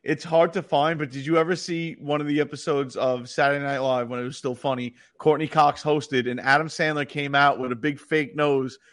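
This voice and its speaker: A man's voice: on the high side, flat delivery, brisk, few pauses, fairly bright tone. A man co-hosting a podcast with crude, sweary casual talk. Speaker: podcast co-host. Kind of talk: casual chat.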